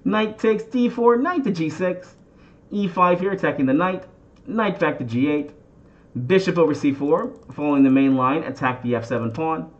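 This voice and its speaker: A man's voice: on the high side, moderate pace, lo-fi sound. A man giving instructional game commentary as a chess instructor, often putting questions and catchphrases to his viewers. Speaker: chess instructor and channel host.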